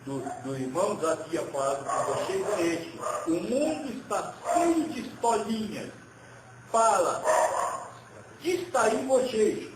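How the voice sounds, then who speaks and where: Um médium homem transmitindo uma mensagem espiritual, falando devagar, hesitando e repetindo palavras. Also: male voice, high-pitched, roomy sound, noisy background. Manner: slow, hesitant, repeats words. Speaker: spirit medium giving a message. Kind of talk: channeled spiritual teaching.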